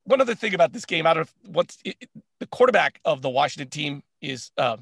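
A man co-hosting a casual sports chat, animated and laughing often, with lots of filler words. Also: a little high, fast talker, gravelly, no room sound, clean studio sound. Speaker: co-host.

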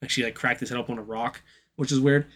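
A man's voice: mid-range voice, steady tone, quick pace, a bit bright. Profane rambling man retelling a movie. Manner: profane, rambling plot recap. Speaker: podcast co-host. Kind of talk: casual chat.

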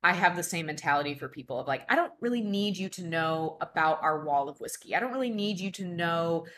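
A young woman hosts a casual chat, her voice sitting low but bright and forward. She talks loosely, full of fillers, and laughs easily. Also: animated, a little fast, slight background noise. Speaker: podcast host and bartender.

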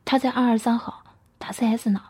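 Cast: jittery young woman, urgent whisper, read by a woman, breathy and soft. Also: high voice, quick pace, pitched above the performer's own voice, full character voice.

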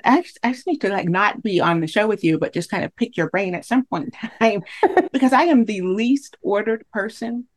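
A woman's voice: medium pitch, brisk. A woman hosting a podcast interview, chatty and enthusiastic. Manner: enthusiastic, chatty, laughs often. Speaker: podcast host.

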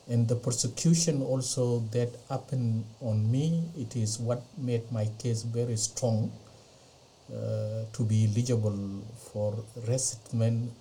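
Middle-aged Ethiopian-born man, non-native English speaker, measured testimony with frequent fillers, warm dark voice, slight hiss behind. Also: medium pitch, low-quality recording. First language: not English. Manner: hesitant, many pauses and fillers. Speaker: interview guest. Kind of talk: slow personal testimony. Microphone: podcast interview mic.

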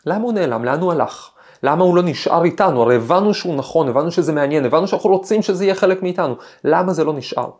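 With a fairly high, expressive and slightly mellow voice, this man is a professor hosting his podcast. He reflects thoughtfully and tells a personal anecdote in storytelling fashion, hesitating frequently along the way.

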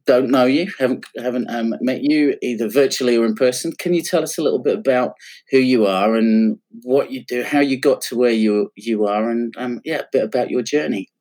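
A man's voice: mid-range voice, brisk, a little mellow. A man hosting an interview podcast. He speaks in a friendly, self-deprecating way, with frequent restarts and fillers. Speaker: podcast host.

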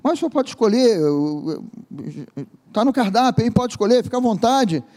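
A man's voice: extremely high pitch, lively intonation, moderate pace, darkish tone, pitched above the performer's own voice. A man voicing an eager, insistent female flight attendant in a sermon, in a reverberant hall. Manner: insistent, chirpy offering.

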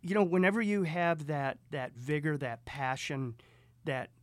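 Animated storytelling man, higher voice. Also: unhurried, dry recording. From upstate New York. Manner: animated, acts out both sides of dialogue. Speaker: guest. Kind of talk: storytelling in conversation.

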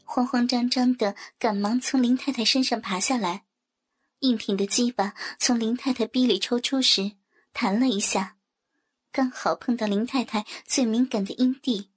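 A woman narrating an audio story in a soft, even reading voice. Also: on the high side, normal speed. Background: faint music.

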